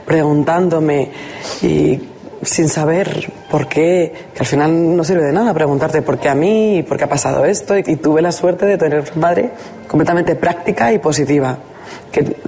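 Young woman speaking slowly and thoughtfully. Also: low voice, dark tone, slight background noise. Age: 20s. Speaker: interview guest.

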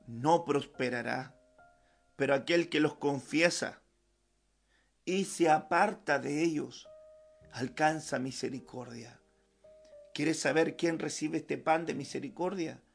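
A man's voice: fairly high pitch, vocal fry, slightly rough. A man preaching a fervent sermon as pastor at a church service, repeating his key phrases for emphasis.

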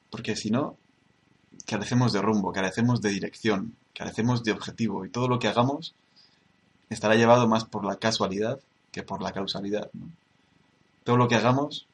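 A man leads a yoga lesson in a deep, gravelly voice with a husky edge. He talks in a measured, deliberate way and circles back to stress his main points. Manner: measured, repeats key words for emphasis. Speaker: yoga teacher. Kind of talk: spoken tutorial.

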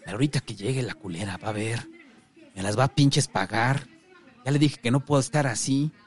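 A man voicing a foul-mouthed, short-tempered crippled male dealer, harsh and full of shouted curses. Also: medium pitch, animated, quick pace, natural voice. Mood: muttering angry. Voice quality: harsh, cursing, shouting bursts.

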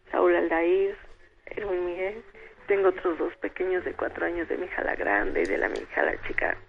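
Older woman, gravelly, devout rambling storyteller, phone line with faint hiss. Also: on the low side. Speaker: radio caller. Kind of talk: tearful personal testimony.

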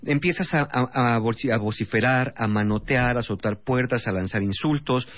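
A man, a relationship expert explaining as a guest on a radio talk show, calm, listing one example after another. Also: mid-range voice, normal speed, no echo. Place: radio studio. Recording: dull broadcast radio sound.

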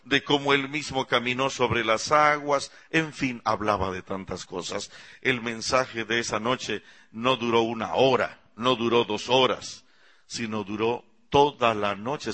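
A man with a Mexican Spanish accent, a pastor, preaching a sermon as a dramatic first-person story. He swings from hushed pleading to loud cries and asks the audience questions. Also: medium pitch.

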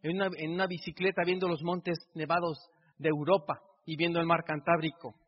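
A man's voice: fairly high pitch, level tone, brisk. A middle-aged man with a Mexican Spanish accent giving an emotional motivational speech, piling up repeated rhetorical phrases. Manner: repetitive rhetorical build-ups. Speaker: motivational speaker. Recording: dull recording in a reverberant hall.

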